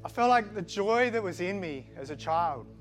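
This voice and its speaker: With music running in the background, a Swiss-born, Australian-raised middle-aged man shares his personal testimony in a mixed Australian accent. His high voice is expressive, and his speech stumbles along with fillers and false starts.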